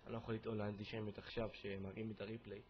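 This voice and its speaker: A young Israeli man with a sarcastic wit, commenting on a football video game and bursting into excited yells. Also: fairly low pitch, lo-fi sound. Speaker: gaming video host.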